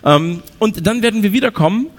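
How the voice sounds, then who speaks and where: A man's voice: sits high, expressive, a little fast. A man hosting a live podcast, joking and rambling as he chats with his co-hosts. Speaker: podcast host. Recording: echoey hall.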